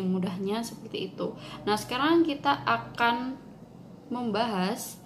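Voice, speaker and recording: A woman's voice: medium pitch, slight background noise. A young woman from East Java, giving a recorded class presentation and explaining each point step by step. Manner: explanatory, acts out dialect examples. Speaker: student presenter.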